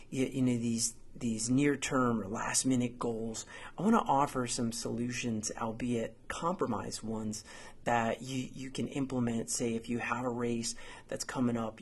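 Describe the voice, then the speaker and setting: Male podcast coach, mid-pitched and a touch husky, upbeat and orderly advice-giver with an explanatory delivery. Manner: organized, explanatory, measured. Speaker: podcast host and endurance coach.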